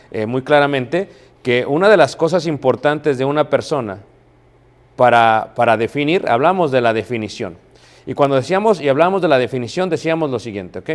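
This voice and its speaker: A middle-aged male preacher with a Mexican accent, giving a sermon on marriage. His voice sits at an ordinary male pitch. He talks emphatically, repeats key phrases and poses rhetorical questions to the men listening. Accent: Mexican Spanish.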